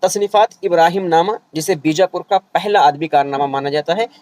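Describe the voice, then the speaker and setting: A man teaching an online revision lecture for a language exam, explaining patiently and repeating each point, often pausing to check that the students are following. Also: fairly high pitch, darkish tone, low-quality recording. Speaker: Urdu exam-prep teacher.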